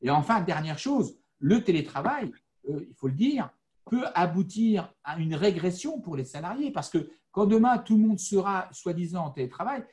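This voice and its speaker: A man from the Vosges speaking on a panel, explaining his view in a measured way with frequent fillers. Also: sits high, expressive, darkish tone. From France, Vosges. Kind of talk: panel discussion.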